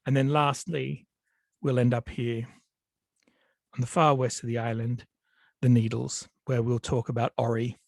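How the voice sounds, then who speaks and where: Sniffly from a cold, this man tells stories over a video call in a gravelly, slightly mellow, medium-pitched voice. His pace is measured and his pitch barely moves, with long pauses, frequent fillers and restarts, and no echo.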